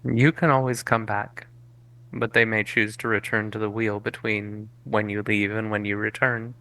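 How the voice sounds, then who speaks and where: Man voicing a calm, deadpan caretaker guide in a tabletop game, low and bright. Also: moderate pace. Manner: calm, matter-of-fact, unbothered by sarcasm. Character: calm male caretaker of a paradise, former teacher.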